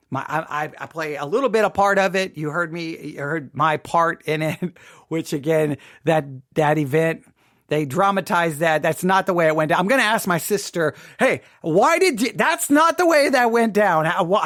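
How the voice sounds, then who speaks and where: A podcast host talks informally about personal matters, speaking emphatically and often repeating phrases to drive a point home. His voice is a little high and a bit bright, captured in a dry, clean studio recording.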